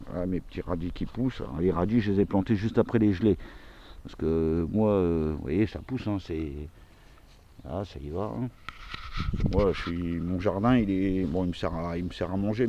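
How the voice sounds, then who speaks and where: A man in his forties with a low, mellow voice and a regional French accent, talking casually outdoors and rambling from one thought to the next. The faint noise of the open air sits behind him on a phone recording. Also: dull audio. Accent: central French regional. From France. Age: 40s. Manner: rambling, many fillers and restarts. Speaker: gardening YouTuber. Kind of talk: casual self-introduction video. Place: outdoors in a small vegetable garden.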